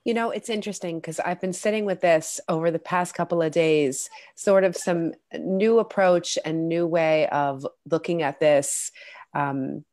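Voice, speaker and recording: A woman guest on a video call, nasal and congested from illness, talking slowly and reflectively about spiritual matters. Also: lowish voice, steady tone, no echo, studio quality. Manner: slow, reflective, soft-spoken. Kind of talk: spiritual talk in an interview.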